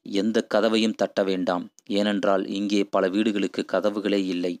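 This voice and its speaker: A man's voice: fairly low pitch, little pitch movement, unhurried, darkish tone, clean tone, no room sound, lightly acted. A man voicing an impassioned idealist who preaches to villagers in poetic, rousing speech.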